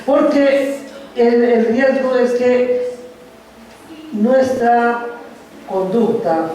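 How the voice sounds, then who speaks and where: A man preaching a sermon as a pastor, slow and reflective, pausing between phrases. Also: high voice, a little mellow, a little hiss or hum. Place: church sanctuary. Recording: echoey church hall from far off.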